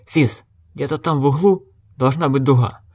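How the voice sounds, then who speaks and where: A man's voice: mid-range voice, moderate pace, a little mellow, slightly rough. A man voicing a middle-aged innkeeper who barks urgent orders at his sons. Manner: commanding, urgent.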